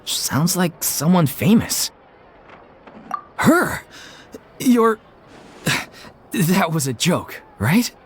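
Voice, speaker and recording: A weary troupe leader. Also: male voice, high-pitched, sing-song, very slow, pauses often, slight background noise, exaggerated voice. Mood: earnest. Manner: polite, earnest, a little downcast. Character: earnest, weary leader of a small amateur theater troupe. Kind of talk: game cutscene voice acting. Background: music.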